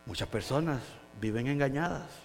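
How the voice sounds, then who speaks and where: Brief: expressive male preacher, storytelling sermon, reverberant hall. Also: mid-range voice, moderate pace, creaky, faint music behind. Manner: animated, acting out the story with humor. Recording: echoey hall.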